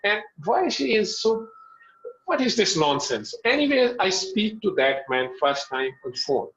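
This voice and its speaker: A middle-aged man with a Pakistani accent telling a personal story as an interview guest, in halting phrases with repetitions. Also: high-pitched, very animated, a bit bright, highs cut off, slight background noise.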